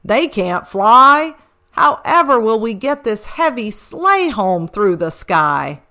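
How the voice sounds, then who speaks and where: Woman playing jolly old male Santa, storybook character, hearty exclamations, bright tone, raised pitch. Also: big pitch swings, slow pace, full character voice. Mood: worried.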